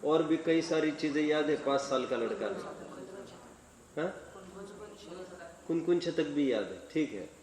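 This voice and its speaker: A man preaching a sermon in a slow, deliberate delivery, with his voice sitting a little high for a man. He tells stories and keeps asking his listeners questions. The recording comes from a distant mic in a large hall, with a long, echoing reverb. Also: a little hiss or hum. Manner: slow, expressive storytelling with rhetorical questions. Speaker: Jain preacher. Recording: echoey hall, voice from far off.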